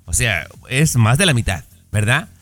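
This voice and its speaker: A man's voice: medium pitch, very animated, normal speed, a bit bright, no room sound. A man with a Mexican accent co-hosting a radio show, joking and emphatic, often repeating a catchphrase. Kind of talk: jokey radio banter.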